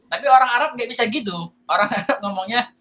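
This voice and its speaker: An Indonesian man teaching a lesson on Quran recitation, asking and answering his own questions and reciting examples slowly. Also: sits high, sharp tone, lo-fi sound, a little hiss or hum. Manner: slow drawn-out recitation of examples. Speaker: tajwid teacher.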